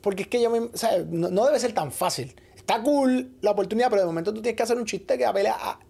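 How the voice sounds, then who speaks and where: Puerto rican guy hosting a podcast, gravelly voice, laid back, keeps pushing for more. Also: sits high, fast talker. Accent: Puerto Rican Spanish. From Puerto Rico. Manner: relaxed, prodding questions. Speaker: podcast host, interviewer. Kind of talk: casual podcast interview. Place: podcast studio.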